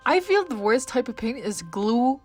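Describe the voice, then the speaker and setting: A woman's voice: on the high side, very animated, normal speed, soft background music. A young woman vlogger chatting casually and reading stories aloud, giggling often and dropping in asides full of "like". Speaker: beauty vlogger.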